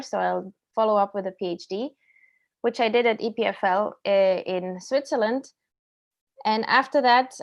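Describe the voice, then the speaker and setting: A woman from Slovakia in her thirties giving a technical conference talk over a video call, explaining clearly with some ums and self-corrections. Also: medium pitch. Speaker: invited speaker. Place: indoor room at home or office.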